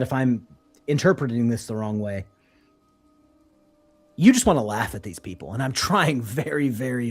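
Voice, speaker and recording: A man's voice: mid-range voice, breathy edge. A man streaming a reaction to a clip, mocking and swearing freely in casual commentary.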